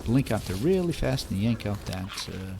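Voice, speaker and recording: A man's voice: fairly low pitch, very animated, moderate pace, gravelly, noisy background. A man hosting a let's play, giving casual, rambling lore commentary full of fillers. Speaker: gamer host.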